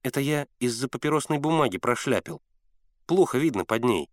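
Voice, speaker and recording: Man reader as a calm, meticulous teen boy, even-tempered, lively intonation, dry close mic. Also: mid-range voice, dry recording, natural voice. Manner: calm, measured, precise. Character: careful, pedantic teenage boy, calm.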